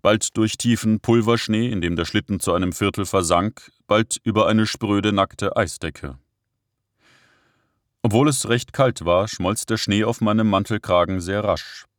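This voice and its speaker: A man narrating an audiobook in a steady, measured reading. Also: on the low side, no echo, clean studio sound.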